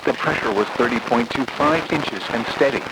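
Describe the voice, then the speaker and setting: A synthetic-sounding man reading a scripted automated weather bulletin in a flat, methodical way over a noisy radio broadcast. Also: mid-range voice, normal speed.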